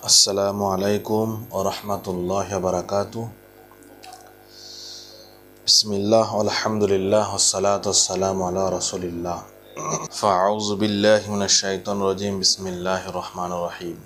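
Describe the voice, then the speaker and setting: A man teaching a recorded Quran reading lesson at a board. He patiently repeats each point and slowly draws out the sounds he demonstrates. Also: sits low, flat delivery, fairly bright tone. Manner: slow, drawn-out demonstration of sounds.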